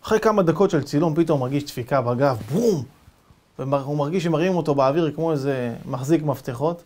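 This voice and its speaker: A rabbi telling a dramatic story in an animated, lively way as a sermon. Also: male voice, on the high side.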